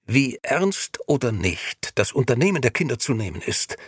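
Male reader doing stern cold judge of the grey men, storybook, sharp questions swinging up and down. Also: mid-range voice, sing-song, moderate pace, breathy edge, no echo, clean studio sound.

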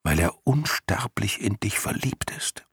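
Bastian, a man doing a gentle young boy. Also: lowish voice, very animated, unhurried, breathy edge, no room sound, clean studio sound, voice pushed up, heavily acted. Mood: whispering. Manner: earnest, soothing, softly whispering at times.

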